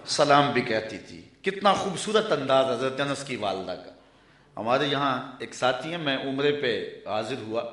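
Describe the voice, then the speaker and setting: Urdu-speaking preacher in an echoey hall. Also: male voice, mid-range voice, fairly bright tone. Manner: slow chanted Arabic phrases between storytelling. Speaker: Islamic preacher. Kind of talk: Urdu sermon with Arabic quotations.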